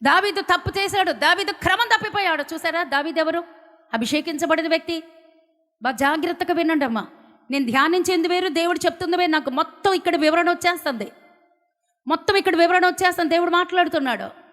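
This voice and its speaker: A woman preacher from India giving a fervent sermon, swinging from loud declarations to hushed, pleading lines. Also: extremely high pitch, fast. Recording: long hall reverb.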